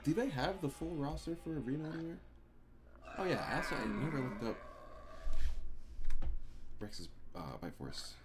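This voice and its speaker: A man's voice: on the high side, sing-song, normal speed, pauses often, noisy background. A man streamer chatting casually while gaming, rambling and scatterbrained with lots of fillers and restarts.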